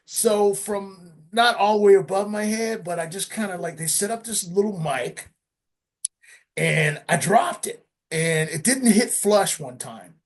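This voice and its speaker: A man, a session drummer, telling studio stories in a casual interview, lively and acting out sounds with frequent laughs. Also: high voice, measured pace. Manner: animated, acts out sounds and quotes, laughs often.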